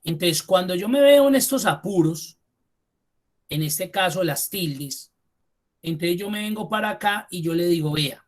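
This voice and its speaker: A man teaching a spreadsheet class online. He repeats key terms slowly for emphasis and speaks to the students directly and informally. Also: sits high, expressive. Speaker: computer course instructor.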